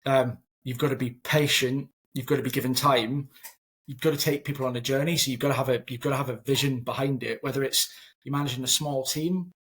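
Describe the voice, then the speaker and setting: Speaking earnestly from a small room at home, a Scottish man in his thirties who founded a company answers interview questions by video call, repeating words as he works through his thoughts. His voice is mid-range, husky, and fairly bright.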